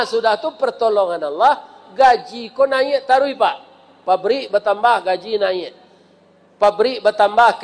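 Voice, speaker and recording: A man with a Minangkabau accent preaching a sermon in a mosque, telling lively stories and often asking rhetorical questions. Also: sits high.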